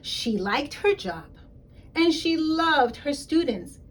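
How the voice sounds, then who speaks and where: Reading a picture book to children like a school principal, a woman with a fairly high voice lets her pitch swing lively and keeps a slow, unhurried pace. She is emphatic, stresses key words, explains vocabulary, and talks directly to her young audience.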